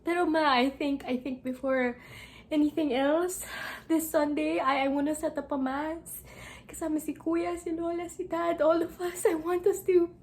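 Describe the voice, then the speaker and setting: A woman's voice: high-pitched, little pitch movement, normal speed. A woman playing a young woman who has just passed the bar, speaking emotionally through tears. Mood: tender, tearful. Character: young woman tearfully celebrating passing the bar.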